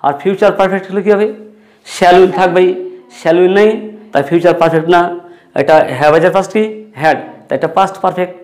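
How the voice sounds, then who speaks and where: High-voiced Bengali teacher explaining grammar. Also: male voice, steady tone, fast talker, a little mellow. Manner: asks questions and answers them himself, repeats key words. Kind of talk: classroom-style lesson.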